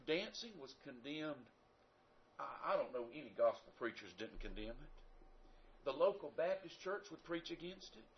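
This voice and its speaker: In a dull, lo-fi recording, a Southern American man delivers a folksy, conversational sermon punctuated by emphatic rises. His voice is fairly high and slightly rough.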